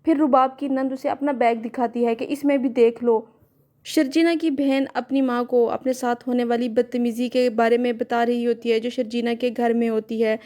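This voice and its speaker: A woman narrating a scripted recap of a drama episode in an even, matter-of-fact way. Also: fairly high pitch, moderate pace.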